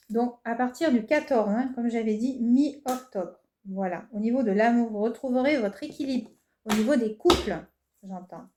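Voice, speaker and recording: Woman, tarot reader, highish voice, hesitant with fillers, faint background noise. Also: mellow. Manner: hesitant, many fillers and reassuring tags. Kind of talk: casual horoscope card reading. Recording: echoey room with faint noise.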